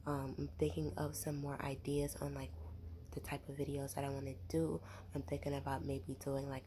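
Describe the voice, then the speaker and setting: Young woman doing a chill asmr ramble, low mellow voice, half whispering, gum chewing, faint hiss behind. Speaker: ASMR creator. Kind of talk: soft-spoken ASMR ramble.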